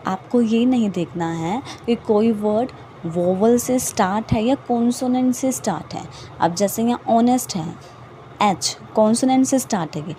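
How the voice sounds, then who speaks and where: A woman's voice: on the high side, dark tone, a little hiss or hum, poor audio. A woman teaching grammar in a patient way, repeating examples and asking questions to the viewer. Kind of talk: slow explanatory lesson mixing Hindi and English.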